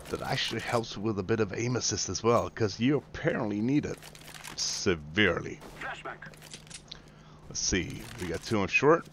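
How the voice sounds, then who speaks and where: A deep-voiced male gaming host whose first language is Swedish speaks slowly over a noisy background with game gunfire beneath him. His gameplay commentary is sarcastic, mocking and taunting, with casual swearing.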